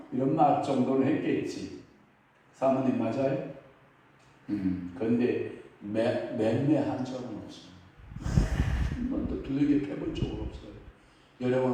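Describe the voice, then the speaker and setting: A man's voice: mid-range voice, mellow. A middle-aged male pastor preaching at a Wednesday evening prayer service, asking the congregation questions and telling folksy family stories. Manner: asks the congregation questions and waits for replies; folksy, jokes and acts out family quotes. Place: church sanctuary. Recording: very echoey hall, mic at a distance.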